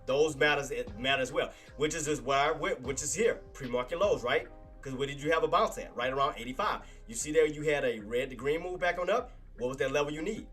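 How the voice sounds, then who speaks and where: Soft music runs beneath a trading livestream host whose voice sits on the high side, a bit bright and a little fast. Stuffed up with nasal congestion, he casually walks his chat through stock chart levels, calling them "boss" and repeating key points.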